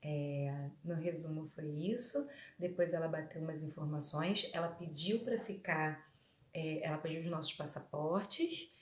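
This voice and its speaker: A woman's voice: low voice, measured pace, slight background noise. Chatty Brazilian-born woman vlogger, echoey room. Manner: chatty, many fillers and rephrasings. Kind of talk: casual storytelling to viewers.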